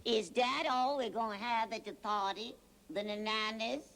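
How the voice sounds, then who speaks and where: A woman's voice: on the high side, steady tone, normal speed, a bit bright, a little hiss or hum. A woman voicing a cheeky, wisecracking young male horse puppet on a children's show, with a brash, slangy manner. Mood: sassy.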